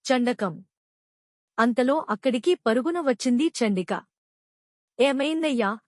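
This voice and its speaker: A woman narrating a children's folk tale in a calm, even storytelling manner. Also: on the high side, unhurried, dry recording, clean studio sound.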